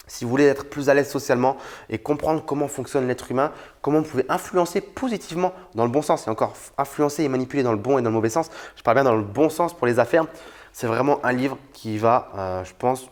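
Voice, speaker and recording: Young man from France, casual vlogger, chatty and unpolished. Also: mid-range voice. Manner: chatty, frank, many fillers and restarts. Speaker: youtuber reviewing books. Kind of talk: casual talk to camera.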